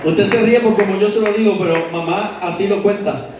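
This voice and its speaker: A high-voiced man gives a sermon testimony, acting out the people in his story. He is recorded from a distance in a hall with heavy echo and a faint hiss. His story keeps moving from one scene to the next. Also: brisk. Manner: storytelling, acts out quoted voices. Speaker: preacher. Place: church hall. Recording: echoey hall, mic far off.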